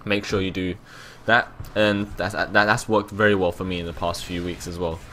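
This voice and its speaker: A man's voice: low-pitched, level tone, normal speed, sharp tone, slight background noise. A young man from London with a London accent, giving casual gameplay commentary, rambling and repeating himself with the odd swear word. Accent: London English.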